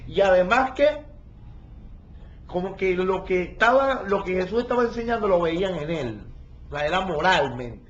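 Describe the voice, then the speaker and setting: A man's voice: sits high, animated, normal speed, fairly bright tone. Man teaching scripture on a dull recording. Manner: explains verse by verse, checks in with listeners. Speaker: pastor. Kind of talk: Bible study teaching. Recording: dull lo-fi recording with faint ambience.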